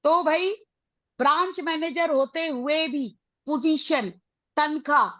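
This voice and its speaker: A middle-aged woman with an Indian accent leading a motivational parenting session, mixing Hindi and English with emphatic, drawn-out phrases. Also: high voice, a bit bright, no echo, muffled recording. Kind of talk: motivational talk to a live group.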